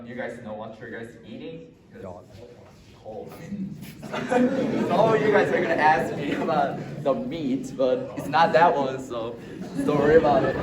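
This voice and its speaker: A young man from South Korea, a native Korean speaker, gives a class presentation in a cheerful, joking way. His voice sits at an ordinary pitch, picked up from a distance in an echoey room with noticeable background noise. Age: young adult. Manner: cheerful, jokey, laughs between lines. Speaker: exchange student presenter. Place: school room. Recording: roomy, distant, noisy room audio.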